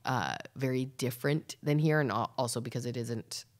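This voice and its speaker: A Canadian woman comedian, a podcast guest, chatting casually and rambling, sometimes dropping to a breathy whisper. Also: rumbling low, normal speed. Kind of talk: casual chat.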